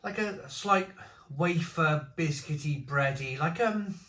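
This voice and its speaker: A man's voice: fairly high pitch, bright, forceful tone. British man with a chesty cough, echoey room. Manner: halting, repeating phrases as he muses. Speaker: beer reviewer. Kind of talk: casual spoken review to camera.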